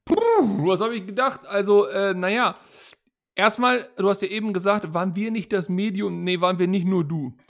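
High, gravelly-voiced German man joking. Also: moderate pace. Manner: joking, teasing. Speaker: podcast co-host. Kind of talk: casual football podcast chat.

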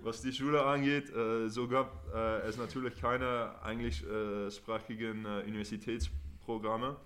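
A man's voice: lowish voice, fairly bright tone. A man from the Netherlands, a podcast guest answering questions carefully with frequent hesitations. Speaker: podcast guest, rugby player. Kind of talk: interview answers.

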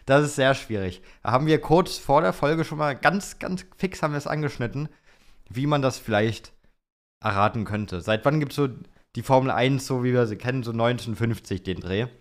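A young man with a mid-range voice co-hosts a podcast at a moderate pace. He chats casually and informally, dropping youthful slang.

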